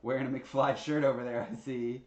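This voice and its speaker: A man casually hosting a live-streamed trivia night, chatty and quick to laugh between answers. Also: mid-range voice, level tone. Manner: chatty, laughs easily, lots of uh fillers.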